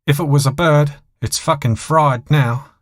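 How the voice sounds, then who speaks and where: A man's voice: on the high side, unhurried, no echo, clean studio sound, voice pushed up, natural voice. A man voicing a protective, nervous male co-pilot in an audio thriller story, eager, alert and urgent.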